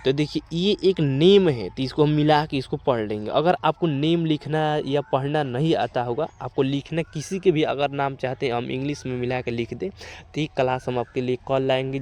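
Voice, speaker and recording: A man teaching English reading, addressing his students and spelling each word out letter by letter before saying it. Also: mid-range voice. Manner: spells words out letter by letter, slowly and loudly; addresses viewers as students, frequent "theek hai". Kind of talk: online reading lesson.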